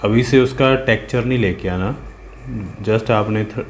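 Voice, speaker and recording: Art teacher, male, low voice, patient casual tutorial tone, echoey room. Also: unhurried, a little hiss or hum. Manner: patient, talks while working, asks "है ना?" and "ठीक है?" often. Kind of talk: casual step-by-step drawing tutorial. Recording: roomy with faint ambience.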